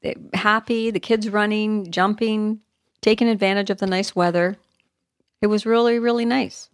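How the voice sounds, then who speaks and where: A middle-aged woman, co-hosting a casual chat podcast, animated and quick to get riled. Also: medium pitch, dry recording, studio quality. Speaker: podcast co-host.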